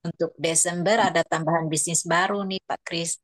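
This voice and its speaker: Woman with a really low voice, dry close sound, just reporting her sales news. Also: fairly even intonation, normal speed, dry recording. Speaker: fellowship member sharing business news. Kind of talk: casual testimony.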